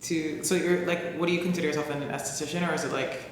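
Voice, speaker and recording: A man interviewing a guest with halting questions and short replies of "cool". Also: a little high, flat delivery. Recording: roomy reverberant space with faint noise.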